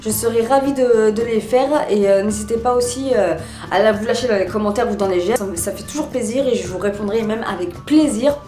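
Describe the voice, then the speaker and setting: A chatty woman talks through her latest beauty purchases in a casual, rambling way. Her voice sits fairly high and rings in an echoey room, with faint music underneath. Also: brisk. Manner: chatty, many fillers and restarts. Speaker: beauty vlogger. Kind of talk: casual haul video.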